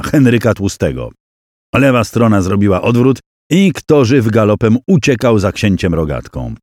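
A man narrating a historical audiobook in a dramatic storytelling style, voicing the characters' shouts and cries along the way. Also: on the low side, no echo, clean studio sound.

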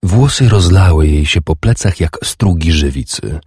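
A man reading a historical romance audiobook in a slow, measured and sensual way. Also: low voice, lively intonation, darkish tone, husky, no room sound, clean studio sound. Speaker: audiobook narrator. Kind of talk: scripted narration.

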